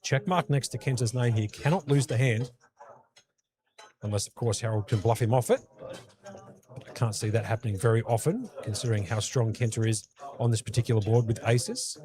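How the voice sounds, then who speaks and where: An Australian man commentating live poker from a booth, calling each card and bet in a brisk, even voice at a middling pitch. The chatter of a busy card room murmurs clearly behind him. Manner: brisk play-by-play, matey banter.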